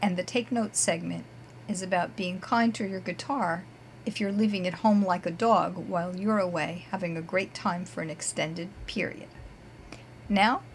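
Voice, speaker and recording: A woman guitar teacher hosting her own podcast, talking in a chatty, upbeat way and warmly stressing her praise for students. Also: fairly low pitch, fairly even intonation, moderate pace, vocal fry, slight background noise. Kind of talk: casual scripted podcast segments.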